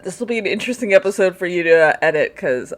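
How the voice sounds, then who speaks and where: A woman co-hosting a podcast in casual chat, sleepy and just woken up, relaxed and laughing with some casual swearing. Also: fairly low pitch, fast talker. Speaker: podcast co-host.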